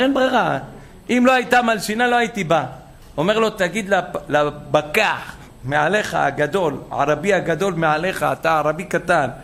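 A man's voice: fairly high pitch, fairly bright tone. A man preaching a sermon as a rabbi, telling a story with acted-out dialogue and building to emphatic calls.

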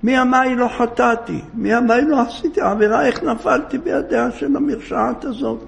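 A tormented young sinner begs for forgiveness in an oral folk tale. His voice sits high and gravelly, with an anguished, pleading tone, as a male storyteller puts him on. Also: heavily acted.

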